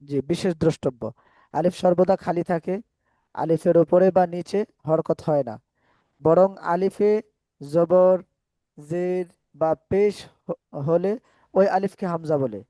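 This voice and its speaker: A man teaching an online Quran class, patiently explaining letter sounds and vowel marks step by step, now and then chanting phrases in slow drawn-out recitation. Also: high-pitched, steady tone, dark tone, no room sound.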